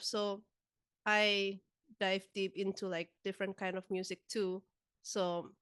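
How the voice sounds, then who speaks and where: Young woman, unhurried delivery, clear smooth tone, relaxed chatty guest, lots of filler words. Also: fairly low pitch, dry recording, studio quality. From Indonesia. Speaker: guest musician. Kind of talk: casual interview chat.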